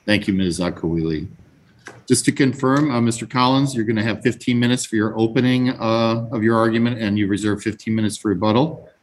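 A man's voice: fairly low pitch, fairly even intonation, brisk. A man presiding as chief justice, giving formal procedural remarks on a video call. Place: remote hearing on video call.

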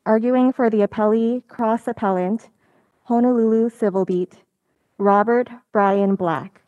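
Female court clerk, very unhurried formal reading, soft dark tone, slightly dull audio. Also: a little high, fairly even intonation, no echo. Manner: measured, deliberate announcing. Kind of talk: formal reading of a case call.

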